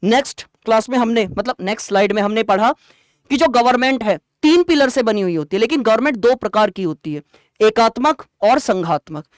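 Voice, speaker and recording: A male teacher giving an online exam-prep lecture, explaining terms plainly and quizzing students with quick rhetorical questions. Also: high-pitched, lively intonation, dry recording, clean studio sound.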